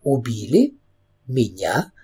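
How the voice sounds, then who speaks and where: A man's voice: mid-range voice, very animated, takes it slowly, mellow, breathy edge, voice pushed down, full character voice. A man doing a prim scolding governess witch. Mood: flustered. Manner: scolding, fussy, indignant. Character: stern prim middle-aged governess witch.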